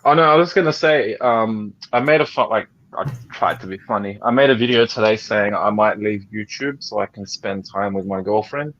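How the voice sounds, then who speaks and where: A man's voice: on the low side, normal speed, few pauses, a bit bright. A man who is a YouTuber chatting casually on a live stream, joking and laughing as he eats. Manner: joking, laughs often, talks while eating. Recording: slightly dull call audio, faint noise.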